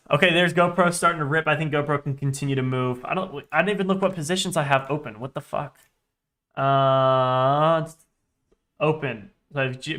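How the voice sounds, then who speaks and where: Muttering and swearing as he goes, a restless man in his twenties livestreams his day trading with casual running commentary. His voice is a little high and a bit bright.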